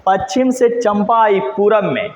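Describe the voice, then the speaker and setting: High-voiced teacher drilling questions. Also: male voice, unhurried, a little hiss or hum. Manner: repetitive call-and-response drilling, answering own questions. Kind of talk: mnemonic geography lesson. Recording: echoey hall, dull lo-fi sound.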